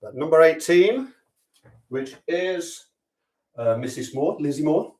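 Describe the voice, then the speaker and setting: A man's voice: a little high, lively intonation, slow pace, a little mellow, recorded from a distance. Dry-humoured man, echoey room. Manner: dry, chatty, offhand humour. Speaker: sweepstake host. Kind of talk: casual live draw commentary.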